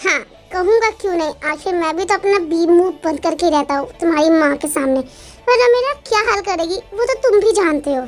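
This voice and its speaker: A woman's voice: very high-pitched, brisk, faint music behind. A woman voicing a henpecked middle-aged father who jokes meekly in a fan-dubbed drama. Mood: joking. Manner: playful, meek. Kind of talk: Hindi fan dub acting.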